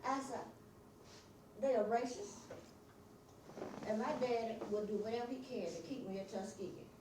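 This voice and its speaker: An older woman recounts her own past with blunt, plain-spoken frankness. She is heard from a distance in an echoey room. Clear background noise sits under her voice. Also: a little high, normal speed. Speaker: church class participant. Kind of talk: personal storytelling. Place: church meeting room.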